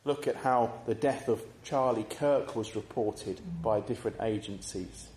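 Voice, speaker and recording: A man preaching a sermon in a church, measured and conversational, pausing to pose reflective questions to the congregation. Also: lowish voice, darkish tone, slight background noise. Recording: echoey church room.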